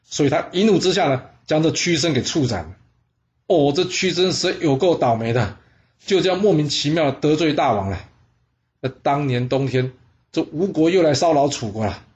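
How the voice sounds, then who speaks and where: A man, hosting a podcast and telling history stories in a lively, rhetorical way. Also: on the high side, normal speed. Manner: lively, rhetorical, acts out scenes. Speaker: podcast host, storyteller. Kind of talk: animated history storytelling. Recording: slightly dull lo-fi.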